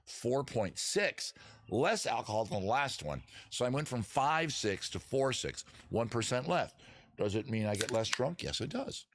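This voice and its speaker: Hosting his live music and chat show from the backyard at home, a man speaks unhurriedly in a mid-range, somewhat bright voice with lively intonation. He rambles to viewers, jokes at his own expense, swears freely and sings a little off the cuff. A faint hiss or hum is present.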